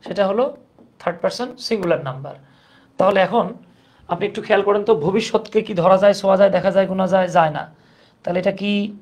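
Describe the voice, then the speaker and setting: A man teaching English grammar in a relaxed, conversational way, asking students questions and joking along. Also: high voice. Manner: conversational, asks the class questions, jokes. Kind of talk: grammar lesson.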